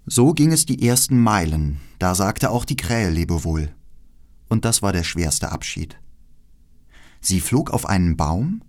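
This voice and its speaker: A man narrates a fairy tale in a deep-leaning voice. His delivery is expressive, swinging widely in pitch as he tells the story. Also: a little slow. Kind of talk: fairy tale read aloud.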